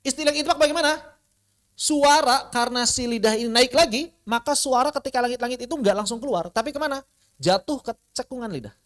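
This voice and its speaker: Tajwid teacher demonstrating drawn-out letter sounds. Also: medium pitch, fairly bright tone. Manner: explains with rhetorical questions and answers them. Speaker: Quran recitation teacher. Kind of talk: online tajwid lesson. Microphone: online class recording.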